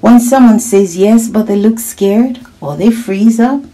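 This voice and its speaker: Hosting a read-aloud for children, this woman uses a fairly high-pitched voice at a slightly slow pace. She's lively and encouraging, talking directly to the kids and asking small questions to check in.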